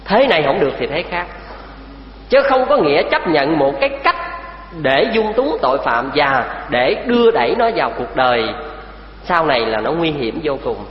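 A man delivers a Buddhist sermon in a high, animated voice that rises and falls with emphasis. He keeps turning to his listeners with rhetorical questions. The recording is dull and lo-fi, ringing in a roomy hall. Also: moderate pace. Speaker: Buddhist preacher. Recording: echoey hall, dull lo-fi sound.

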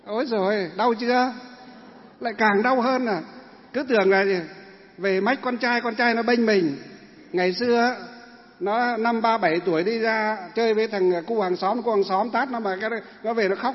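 A man, a monk giving a sermon to a large audience, chatty, quizzing listeners and acting out family quarrels. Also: high voice. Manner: conversational, asks the audience questions, acts out family quarrels. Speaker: Buddhist monk. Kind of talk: dharma talk sermon. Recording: dull echoey hall recording.

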